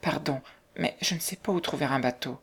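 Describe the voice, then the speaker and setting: A reader voicing a young working woman in despair, speaking in a soft, breathy half-whisper. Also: mid-range voice, brisk, pitched above the performer's own voice. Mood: anxious.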